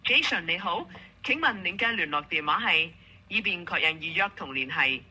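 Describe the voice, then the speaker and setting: A woman's voice: fairly low pitch, animated, normal speed, pushed and bright, husky, low-quality recording. A woman with a Hong Kong Cantonese accent speaking as an automated booking assistant, in polite, formulaic scripted customer service.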